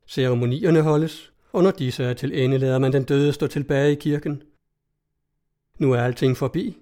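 A man narrating a story in a measured, solemn reading voice. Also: medium pitch, mellow.

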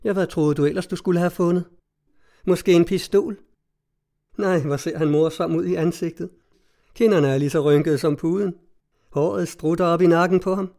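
Guy doing a teasing young woman, sing-song and a bit higher, storybook reading. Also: steady tone, creaky, warm tone. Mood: mocking.

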